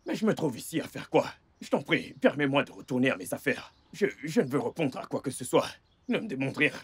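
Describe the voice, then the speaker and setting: An exasperated, scolding man voiced by a dub actor who keeps snapping at the woman he is caring for. His pitch swings widely as he grumbles. The voice is husky and rough-edged. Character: impatient irritable man caring for sick partner. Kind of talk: French film dubbing.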